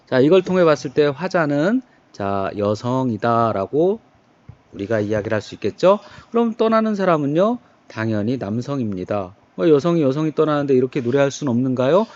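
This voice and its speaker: A man's voice: mid-range voice, darkish tone, dry recording. A man teaching a poetry lesson. He poses rhetorical questions, answers them himself and slips into casual banter. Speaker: literature teacher. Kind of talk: online lecture on poetry. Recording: dull, dry lo-fi recording.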